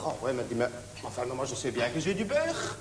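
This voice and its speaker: A man's voice: a little high, expressive, a little fast, long reverb tail, background noise, close to an everyday voice. An actor playing a nervous, naive, lonely insomniac man on stage, rambling with a Belgian French accent and constant verbal tics. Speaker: stage comedian. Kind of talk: one-man stage show. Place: theatre stage with live audience.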